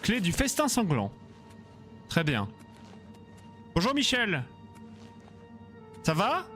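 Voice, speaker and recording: A man's voice: sits high, wildly swooping pitch, takes it slowly. A man giving casual let's-play commentary, joking, swearing often and bantering with the game's characters. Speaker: gaming streamer. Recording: game music loud behind the voice.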